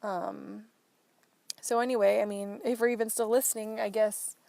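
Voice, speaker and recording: A young woman talks alone in her car, frank and fed up, swearing as she vents. Her voice sits at an ordinary middle pitch. The sound is dry and close, with no room around it. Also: fairly even intonation, normal speed, vocal fry, dark tone, dry recording. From Portland, Oregon. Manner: frank, exasperated storytelling with swearing. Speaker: podcast host. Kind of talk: casual solo chat. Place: inside a parked car.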